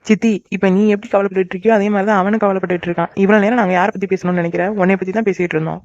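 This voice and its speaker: A woman voicing a caring young married woman in a cartoon, a soft-hearted elder sister who cries easily. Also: medium pitch, steady tone, very fast, no echo, close to an everyday voice. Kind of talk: cartoon voice acting. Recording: dry, dull lo-fi recording.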